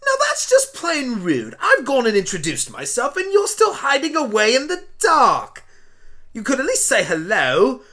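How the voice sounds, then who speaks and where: A performer voicing a frantic, excitable alien Doctor turned talking pony in a hobby radio play, chattering away in exclamations. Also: high-pitched, unhurried, voice pushed up, full character voice. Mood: calling out, indignant.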